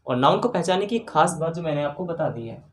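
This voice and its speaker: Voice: medium pitch, lively intonation, fast talker. A grammar teacher giving an exam-prep lecture, spelling out words letter by letter and often checking in with the class. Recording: roomy room with faint background noise.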